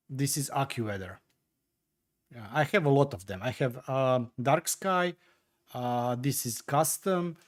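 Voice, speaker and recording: Streaming casually from his home, this Croatian-born host responds to comments from viewers. His voice sits at a medium pitch with a slightly mellow quality, and his chatty, hesitant delivery is peppered with fillers and false starts as he fiddles with things.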